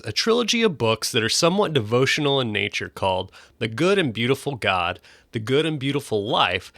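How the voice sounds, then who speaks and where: A man's voice: medium pitch, sharp tone, no echo. A man hosting a podcast, reading an upbeat scripted intro, then interviewing a guest. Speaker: podcast host.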